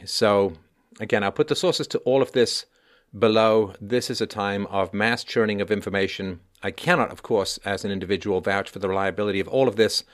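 A man hosting a news commentary show, reading out reports with deliberate, emphatic phrasing. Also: on the low side. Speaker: online commentary show host.

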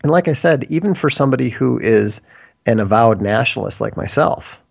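This man from Minnesota, in the United States, is a guest in a loose, rambling interview. His medium-pitched voice is expressive and somewhat creaky, and he talks fairly quickly.

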